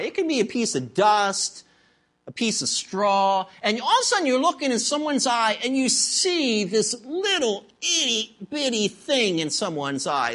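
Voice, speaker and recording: A middle-aged man preaching a sermon as pastor, telling stories with humor and acting out voices. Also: extremely high pitch. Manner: animated storytelling with acted-out voices and humor.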